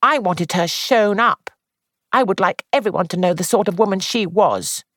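A woman's voice: medium pitch, moderate pace, a bit bright, dry recording, studio quality, pitched above the performer's own voice, close to an everyday voice. A woman reading aloud and voicing a young actress who sounds anxious, dramatic and confiding. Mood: scheming.

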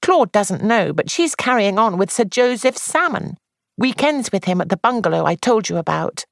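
A woman's voice: medium pitch, lively intonation, moderate pace, vocal fry, no echo, studio quality, pitched above the performer's own voice. A woman reading aloud and voicing a young actress who sounds anxious, dramatic and confiding. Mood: scheming.

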